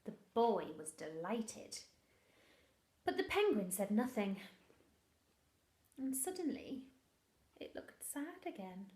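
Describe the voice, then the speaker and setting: A woman with a slightly high voice reads a picture book to small children in a primary-teacher style, expressive and unhurried, with whispered asides. The recording is reverberant.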